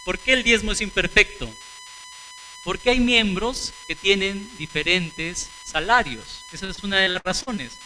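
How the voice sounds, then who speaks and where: A man's voice: high-pitched, wildly swooping pitch, measured pace, bright, forceful tone, slight background noise, poor audio. A man preaching a sermon, asking rhetorical questions and answering them, calling the congregation brothers and sisters.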